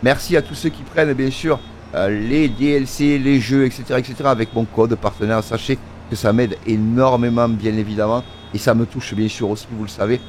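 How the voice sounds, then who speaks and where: A man's voice: mid-range voice, fairly even intonation, fairly quick, a little mellow, a little hiss or hum. A man giving casual, filler-heavy commentary over his farming game and joking with the workers in it. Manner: chatty, many fillers, talks to workers in the game. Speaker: gaming video creator. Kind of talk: casual let's-play commentary.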